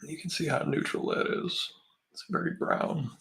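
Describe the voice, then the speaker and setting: A man's voice: a little high, normal speed, creaky, a bit bright. A man hosting a live painting stream, casually explaining each step as he works and answering questions from chat. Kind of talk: casual livestream painting demo.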